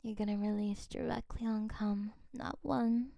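A woman doing ASMR role-play as a flirtatious, coaxing friend, drifting between soft breathy speech and speaks softly, close and intimate as if right in your ear. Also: a little high, steady tone, unhurried, no echo. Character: flirtatious, coaxing female friend on a late call.

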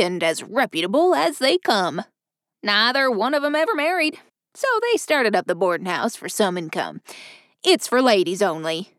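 A woman's voice: medium pitch, no echo, clean studio sound, natural voice. A woman voicing a chatty old male station master who rambles in a folksy way.

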